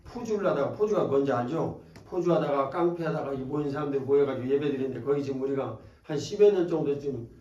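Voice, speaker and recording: A man's voice: mid-range voice, quick pace, few pauses, warm tone, recorded from a distance, lo-fi sound. A man with a Jeolla accent, preaching a sermon at a revival meeting in a folksy, joking way that teases the congregation. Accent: Jeolla Korean. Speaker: pastor. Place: church sanctuary. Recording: echoey church hall from off-mic.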